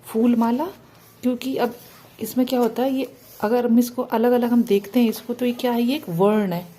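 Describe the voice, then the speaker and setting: Mellow, husky woman teaching. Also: fairly high pitch, fairly even intonation, normal speed. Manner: asks questions and answers them herself, draws out vowel sounds. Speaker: Hindi teacher. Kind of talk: explaining to parents how to teach the Hindi alphabet.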